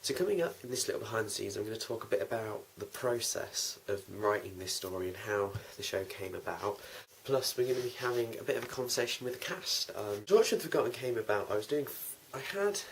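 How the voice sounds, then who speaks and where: A young man hosts a behind-the-scenes vlog for a fan audio drama he writes and produces, talking in a casual, rambling, informal way. His voice is fairly low and brisk with few pauses, on a noisy amateur recording with clicks.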